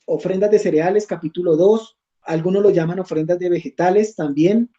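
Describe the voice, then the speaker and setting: Man teaching Bible study, mellow voice. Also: high voice, fairly quick, highs cut off. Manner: reads scripture aloud, checks in with "¿listo?". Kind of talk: online Bible study class.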